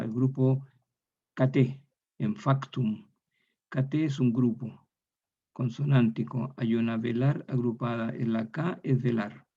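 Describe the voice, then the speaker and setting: Man lecturer, slow and methodical, husky dark voice, dull lo-fi recording. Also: medium pitch. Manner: slow, methodical, repeats example words aloud. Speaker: university lecturer.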